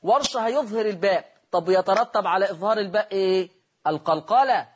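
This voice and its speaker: A middle-aged man with an Egyptian accent teaching Quran recitation rules in a broadcast lesson. He explains each rule, then recites the examples slowly and draws them out, and he turns to his students with quick asides. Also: high-pitched, breathy edge. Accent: Egyptian Arabic.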